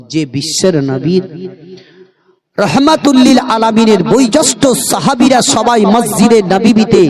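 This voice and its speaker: A man preaching a sermon in a chanting, sing-song style, rising into high cries and urging the listeners to respond. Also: warm tone. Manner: urges the crowd to respond.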